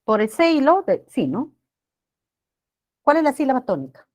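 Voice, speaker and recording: A woman teacher giving a grammar lesson to students, often checking in with them and drawing out words slowly for emphasis. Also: sits high, very animated, darkish tone. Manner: addresses students with frequent checking questions.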